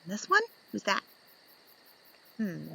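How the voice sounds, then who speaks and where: A woman with a husky, medium-pitched voice and some vocal fry reads a picture book to children at a slow, page-by-page pace, her intonation rising and falling expressively. She has fun with the tale and constantly questions her young audience, though the audio is dry and poor.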